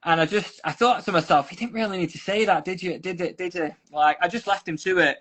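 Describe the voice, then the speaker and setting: A volunteer guest from South Manchester, England, chats casually in an interview in Ukraine. He speaks Manchester English in a higher, slightly bright voice, fairly quickly, and rambles with frequent restarts and asides.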